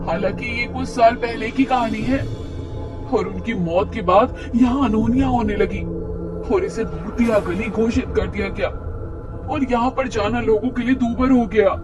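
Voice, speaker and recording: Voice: medium pitch, lightly acted. A performer voicing an educated, cautious mistress who gives earnest, ominous warnings in a horror cartoon. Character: educated, cautious mistress recounting local ghost lore. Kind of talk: horror cartoon story acting. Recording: distant voice under loud music.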